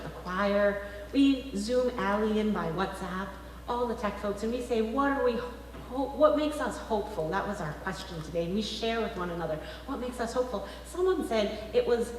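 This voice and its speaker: In a big church space that rings with reverberation, faint noise behind her, a woman minister delivers her sermon. Her slightly high voice lands on emphatic phrases, and she pauses deliberately as she preaches.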